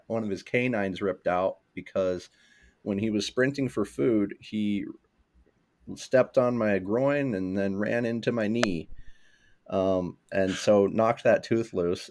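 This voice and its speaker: A man's voice: low voice, a little mellow. A young man hosting a casual podcast, chatty and rambling, with plenty of ums and laughs. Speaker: podcast host.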